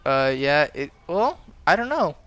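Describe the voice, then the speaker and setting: A man commentating a strategy game match, calm in analysis and excitable when fights break out. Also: on the high side, a little slow, muffled recording. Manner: excitable, shouts during fights. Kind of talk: esports casting.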